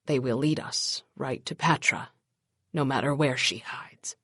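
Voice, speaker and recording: Woman doing a rasping ancient vampire man. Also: measured pace, fairly bright tone, dry recording, studio quality, heavily acted. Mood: grave. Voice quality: rasping, low. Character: ancient weary male vampire, grave and rasping.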